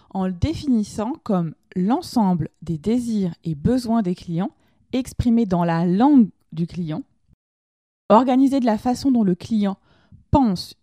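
A woman's voice: mid-range voice, mellow, no echo, studio quality. A woman hosting an informal lesson, explaining ideas conversationally and asking her listeners direct questions. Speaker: podcast host teaching lean management.

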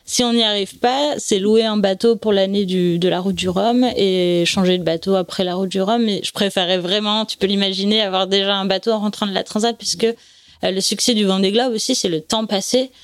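A woman in her forties from France, a sailor being interviewed, explaining things at length in a relaxed, conversational way. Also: mid-range voice, fairly quick, dry recording, clean studio sound. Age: 40s. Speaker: guest, offshore sailor.

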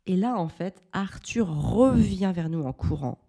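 A woman's voice: lowish voice, animated, unhurried, warm tone. A woman in her thirties, hosting a parenting podcast, who tells a personal story in a candid, reflective way with frequent restarts.

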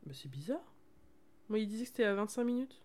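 Co-host tossing in quick replies, casual chat. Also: medium pitch, sing-song, a little mellow. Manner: short reactive replies.

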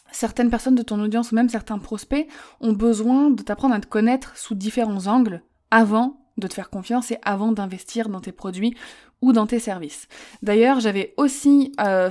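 A woman's voice: medium pitch, warm tone. A woman hosting a solo podcast, giving marketing advice directly to the listener in a casual, informal way with frequent fillers. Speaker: podcast host.

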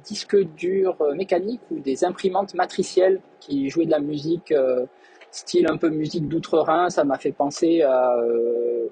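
Mellow, hesitant man over faint noise. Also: a little high, normal speed, low-quality recording. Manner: hesitant, jokey. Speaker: listener sending a voice message. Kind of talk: casual voice message.

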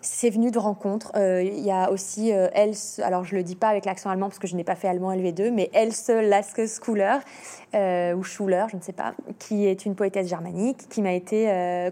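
A woman, an author and illustrator, talking in an interview, animated and hesitant, often restarting her sentences. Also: mid-range voice. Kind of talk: interview talk.

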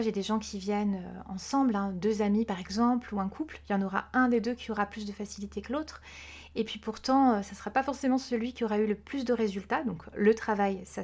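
A woman vocal coach with a fairly high voice talks through her ideas in a relaxed podcast interview. She explains carefully, pausing and hedging as she thinks aloud. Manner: thoughtful, explanatory, with frequent hesitations. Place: podcast recording.

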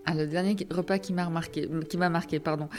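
A woman's voice: on the low side, steady tone, fast, a little mellow, soft background music. A woman in her forties, a podcast guest, answering casually with hesitation, restarts and short laughs. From born in the United States, raised between Geneva and Paris. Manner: hesitant, many fillers and restarts, laughs between thoughts.

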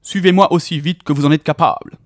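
A man voicing a jolly, boisterous old forest dweller who talks in a hearty, booming, sing-song way. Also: moderate pace, a little mellow, dry recording, studio quality, close to an everyday voice. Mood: jovial booming.

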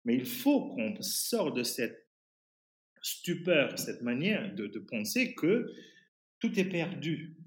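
A man speaking French with a foreign, English-influenced accent, giving an impassioned interview in an emphatic but halting way, searching for words. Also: medium pitch, sing-song. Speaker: podcast guest, activist. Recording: roomy, echoing sound.

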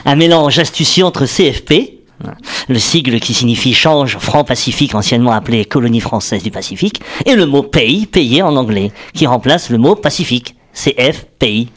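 A man's voice: mid-range voice, lively intonation, normal speed, fairly bright tone. A man delivering an explanatory radio column in a studio, joking and restarting as he goes. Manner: explanatory, jokey, thinks aloud with restarts. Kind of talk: radio chronicle on acronyms.

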